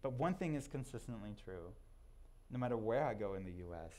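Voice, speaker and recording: A young man from Israel with Hebrew as his first language, giving a conversational, self-deprecating talk to a live audience with halting restarts. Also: lowish voice, lively intonation, dark tone. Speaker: speaker.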